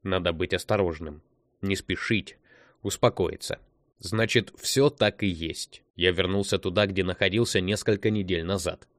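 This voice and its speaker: A man narrates an audiobook in a measured, steady way. His voice sits fairly low, and the recording is dry and close with no room sound. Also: dry recording.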